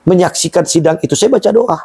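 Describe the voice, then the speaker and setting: A man's voice: high voice, fast, darkish tone, slightly rough, dry recording, clean studio sound. A middle-aged man founding a Quran museum and boarding school, telling his story in an emphatic, emotional way during an interview.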